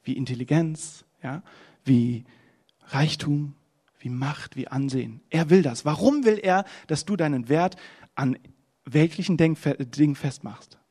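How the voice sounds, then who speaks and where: A young man preaching a sermon in a conversational, emphatic way, climbing to urgent peaks and then dropping to quiet, low lines. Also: a little slow.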